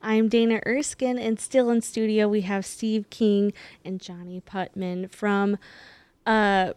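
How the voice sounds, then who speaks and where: Female morning radio DJ, medium pitch, station-host delivery, very dry studio recording. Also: fairly even intonation, slow pace, darkish tone, smooth, no room sound.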